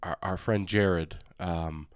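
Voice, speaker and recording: A man's voice: low-pitched, steady tone, takes it slowly, no room sound, clean studio sound. A man hosting a casual podcast chat, with a stuffy nasal cold and a rambling, filler-heavy way of talking. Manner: rambling, many likes and ums, laughs often. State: has a cold, nasal and deeper than normal. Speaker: podcast co-host.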